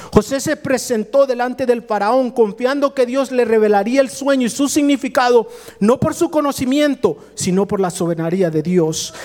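A man preaching a sermon, swinging between rising questions and low, slow, emphatic phrases. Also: darkish tone. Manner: rhythmic repetition, builds in cadence.

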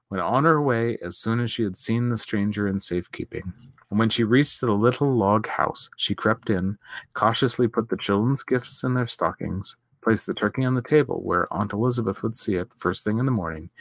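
Man reading a story out loud, measured and expressive, lowish voice. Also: dry recording, clean studio sound. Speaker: host reading a story aloud.

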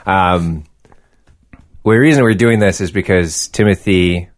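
A man's voice: low voice, a little slow, no echo. A man hosting a casual podcast, chatting in a joking, teasing, sweary way. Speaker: podcast host.

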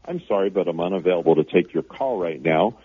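A man's recorded answering machine greeting, calm, polite and formal, played back over the phone. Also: low-pitched, quick pace, crowd noise. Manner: calm and courteous, announces the tone. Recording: muffled phone playback.

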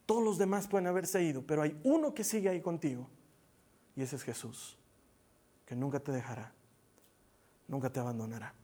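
A man preaching a sermon as pastor, earnest, rising to loud urging and dropping to near whispers. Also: fairly high pitch, a little fast, pauses often, slightly rough. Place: church meeting hall, also streamed online.

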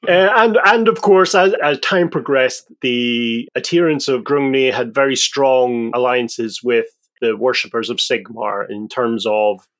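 A man's voice: mid-range voice, measured pace, hardly any pauses, a bit bright. A man on a podcast casually explaining fantasy game lore, rambling and correcting himself as he goes. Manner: rambling, self-correcting, laid-back.

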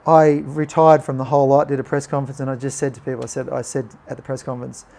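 Gravelly man telling his story. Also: medium pitch, fast. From Australia. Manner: animated, acts out quoted voices. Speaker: podcast guest. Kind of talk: personal storytelling in conversation.

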